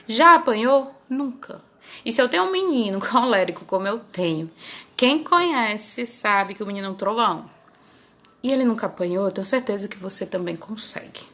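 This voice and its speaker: A woman's voice: medium pitch, animated, fairly quick, a bit bright. A woman hosting her parenting channel, chatting casually and often ending her phrases with little tag questions. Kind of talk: casual talk to camera.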